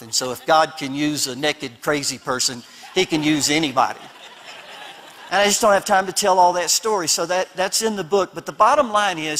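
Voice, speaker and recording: A man's voice: fairly high pitch, a bit bright. A man preaching at a conference, telling his story in a down-to-earth, humorous way, driving points home with emphatic repetition. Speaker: pastor. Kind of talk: conference sermon. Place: church conference hall. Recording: long hall reverb.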